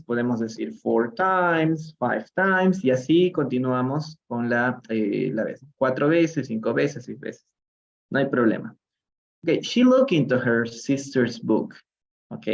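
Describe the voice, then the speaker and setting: A man's voice: medium pitch, creaky, highs cut off. A man with a Peruvian Spanish accent teaching an English reading lesson on a live stream, drawing out phrases and calling on viewers by name. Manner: slow, drawn-out model readings of English phrases; addresses chat viewers by name, asks questions. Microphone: live stream phone or computer mic.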